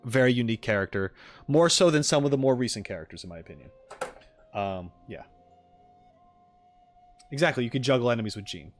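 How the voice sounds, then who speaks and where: Answering his viewers on a livestream, a man rambles and guesses aloud over background music. His mid-range voice is expressive and a bit fast, broken up by frequent pauses.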